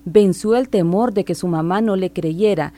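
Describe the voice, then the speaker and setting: A woman reporter reading a measured, formal news narration. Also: on the low side, warm tone.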